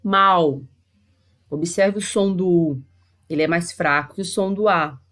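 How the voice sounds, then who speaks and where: A woman teacher with a Brazilian Portuguese accent giving a recorded lesson to sixth graders, spelling out sounds slowly and carefully. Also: lowish voice.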